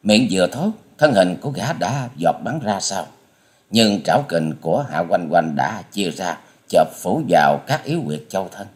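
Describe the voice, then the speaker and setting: Deep-voiced man narrating an audiobook. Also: moderate pace. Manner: expressive storytelling. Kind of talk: dramatic martial-arts audiobook narration.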